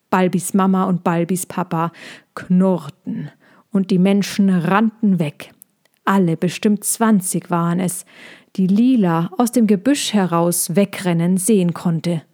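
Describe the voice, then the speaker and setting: A woman reading a children's story aloud with lively storybook narration. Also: medium pitch.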